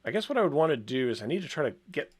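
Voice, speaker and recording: A man co-hosting a casual design show, thinking aloud as he works, with frequent ums and soft chuckles. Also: medium pitch, very animated, racing. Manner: rambling, chuckles often, many ums. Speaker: co-host working in software.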